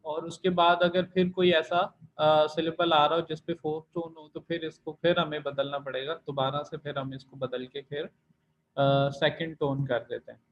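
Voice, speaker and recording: A man's voice: fairly high pitch, level tone, normal speed, muffled recording. A man teaching a Chinese language class online, explaining rules patiently and repeating each point step by step. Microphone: computer mic in video call.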